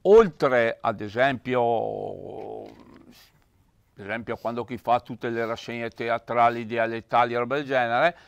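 A man's voice: mid-range voice, fairly even intonation, takes it slowly, gravelly, clear, resonant tone, dull audio. Guy arguing on local tv, teasing, keeps repeating himself. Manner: argumentative, teasing, repeats his point. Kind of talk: bantering TV chat. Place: local TV studio.

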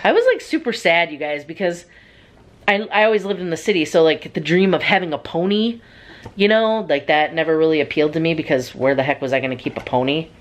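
A woman's voice: low-pitched, expressive, quick pace. A young woman vlogger telling a personal story in a casual, chatty way, full of "like" and "um.". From United States. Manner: chatty, lots of "like" and "um".

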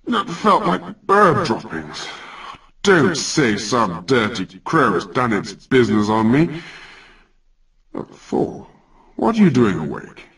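A man's voice: mid-range voice, sing-song, takes it slowly, fairly bright tone, far from the mic, exaggerated voice, low-quality recording. A man voicing a huge, sleepy male giant who talks in a lazy, offhand, condescending way. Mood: grumbling. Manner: lazy, mumbling, patronizing. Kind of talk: storytelling character voice.

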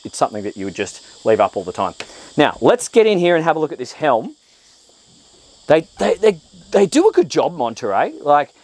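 An enthusiastic Australian boat reviewer, medium-pitched and chatty, gives a walkthrough presentation outdoors on a boat on a calm waterway. He uses lots of fillers and restarts, and he's recorded on a lapel mic.

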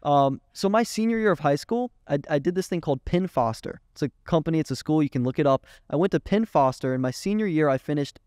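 A young man in his twenties, a guest in a casual interview, telling animated stories and acting out what others said. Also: a little high, fast talker, hardly any pauses, no echo, studio quality. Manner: animated, swearing, quoting others in dialogue. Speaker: guest, agency owner.

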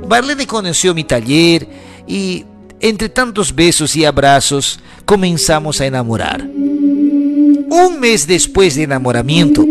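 A man slowly telling a personal story in the first person, halting and conversational. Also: high voice, creaky. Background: music.

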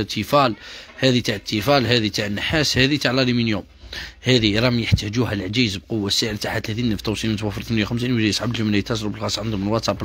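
A man with an Algerian accent, a shop seller doing a repetitive, pushy live sales pitch to his viewers. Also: a bit bright, a little hiss or hum. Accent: Algerian Arabic.

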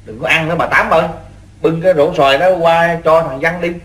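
A man's voice: on the high side, steady tone, fairly quick, a bit bright, lightly acted. An actor playing a fussy, kind-hearted middle-aged rural father in an old-style radio drama, with a Southern Vietnamese accent and a folksy, exclamatory way of ordering people about. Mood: exasperated. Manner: folksy, exclamatory, repeats himself when giving orders. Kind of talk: radio drama acting in the manner of an old radio show. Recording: roomy echo with music.

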